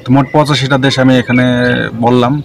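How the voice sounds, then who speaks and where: A man's voice: mid-range voice, flat delivery, quick pace, noisy background. A man giving casual visa information, rambling and self-correcting as he reels off long lists of country names. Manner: hesitant and self-correcting, with many fillers. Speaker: travel and visa info vlogger.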